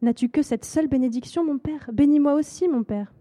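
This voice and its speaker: Betrayed older son begging for a blessing, woman reading, bitter, mellow tone. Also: on the high side, brisk, close to an everyday voice. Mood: pleading. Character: wronged elder son, bitter and pleading.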